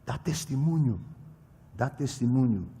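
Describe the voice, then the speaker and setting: Preaching in Portuguese, which is not his first language, a man at a children's ministry conference sounds animated and husky in a mid-range voice. He swings from loud exclamations to quiet asides and speaks haltingly, restarting and correcting words mid-phrase. The recording carries echoey hall reverb.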